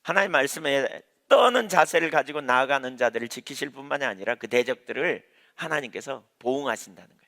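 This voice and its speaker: A man's voice: medium pitch, animated, quick pace, pushed and bright. A man preaching an evening sermon in church as its pastor, emphatic, repeating key phrases and asking rhetorical questions. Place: church, evening prayer service. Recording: reverberant church hall.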